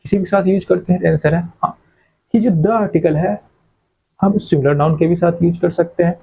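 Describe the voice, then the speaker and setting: A man's voice: sits high, fairly quick, creaky, mellow, breathy edge, rough recording. A man teaching English grammar in a classroom-style lecture, often asking a question and then answering it himself. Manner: asks questions and answers them himself, repeats key words.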